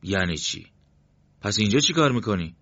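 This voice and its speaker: A man's voice: lowish voice, lively intonation, a bit bright, no echo, dull audio. A man voicing a young man who keeps pressing anxious questions in a storybook reading. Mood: puzzled. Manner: pleading, demanding questions.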